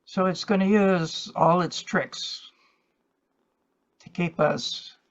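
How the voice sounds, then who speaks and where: Slow, creaky-voiced man leading a spiritual group. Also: high-pitched, highs cut off. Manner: measured, reflective, pausing. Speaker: group host and meditation leader. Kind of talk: spiritual talk and group facilitation.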